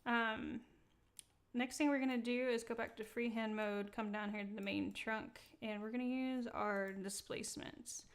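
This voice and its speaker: Chatty woman with a slightly high voice. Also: fairly even intonation, moderate pace. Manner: casual, chatty, many ums, laughs at herself. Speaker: software demo host. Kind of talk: live-streamed software tutorial. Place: indoor room.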